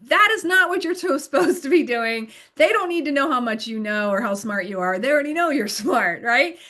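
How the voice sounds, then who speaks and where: A middle-aged woman running a recorded training lesson for volunteer literacy tutors, encouraging and animated, acting out how learners react. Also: high voice, a little fast.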